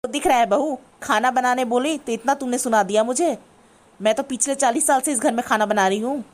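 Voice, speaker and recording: A woman's voice: fairly high pitch, brisk, close to an everyday voice. A woman voicing a bossy, scolding older mother-in-law in a cartoon. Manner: scolding, complaining. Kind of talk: cartoon voice acting.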